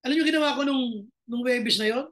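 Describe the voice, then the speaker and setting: High-voiced storytelling pastor. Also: male voice, fast, a bit bright. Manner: storytelling, mixing in English lines, acting out quotes. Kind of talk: sermon.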